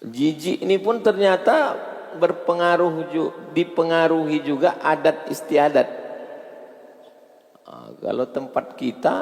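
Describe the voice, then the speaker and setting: Gravelly low-voiced preacher in an echoing hall. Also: male voice. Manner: storytelling, animated with jokes, turning slow and solemn. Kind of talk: sermon. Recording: echoey hall.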